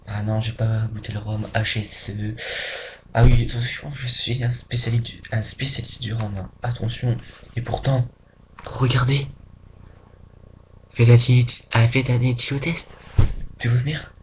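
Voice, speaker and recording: A man's voice: mid-range voice, little pitch movement, measured pace, pauses often. Chatty French man on a dull webcam. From France. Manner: chatty and rambling, dips into whispers for emphasis. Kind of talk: casual webcam vlog. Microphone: webcam mic. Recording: dull lo-fi webcam audio with faint hiss.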